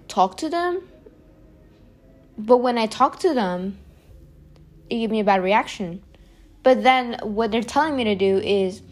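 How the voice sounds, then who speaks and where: A young woman talking casually to the camera, rambling with lots of "like", restarts and sighs, sometimes dropping quieter and slower. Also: on the high side. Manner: rambling, heavy use of "like", frequent sighs and restarts; often drops to a quieter, slower voice. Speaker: vlogger. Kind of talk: casual confessional monologue to camera.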